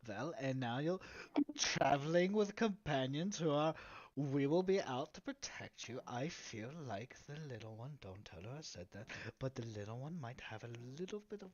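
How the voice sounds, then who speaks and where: A man talking in casual tabletop role-play, rambling and dropping into quiet asides. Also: medium pitch, expressive, moderate pace. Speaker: player. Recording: slightly muffled with faint hiss.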